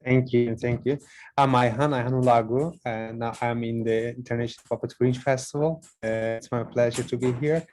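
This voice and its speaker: A man from Turkey with a Turkish accent, introducing himself as a puppeteer in an online meeting, speaking haltingly in non-native English. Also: medium pitch, steady tone, darkish tone.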